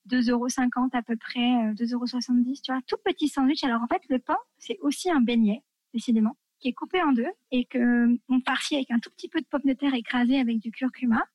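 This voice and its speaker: Brisk and high-voiced, a guest from France enthusiastically recommends her favorite dishes in casual conversation, peppering it with fillers and side remarks. The recording is dry and the audio dull.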